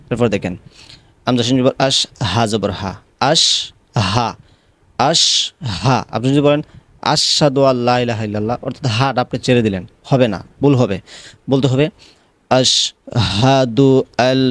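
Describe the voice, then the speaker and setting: A man teaching how to pronounce the call to prayer, spelling it out letter by letter and then chanting it in long, drawn-out melodic phrases. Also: medium pitch, no room sound. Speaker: azan pronunciation teacher. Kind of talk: recitation lesson.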